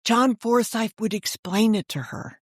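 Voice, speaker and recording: A woman with a slightly high voice speaks at a measured pace, recorded dry with studio quality. She's an author and storyteller appearing as an interview guest, spinning chatty, wandering anecdotes and acting out what other people said. It's lively storytelling within a casual conversation.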